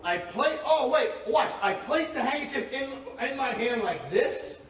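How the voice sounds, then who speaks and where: A man's voice: extremely high pitch, lively intonation, a little slow. A man performing a crude comedy magic act, brashly teasing his audience. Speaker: stage magician. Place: live venue before an audience. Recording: echoey live room from far off. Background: loud laughing crowd and noise.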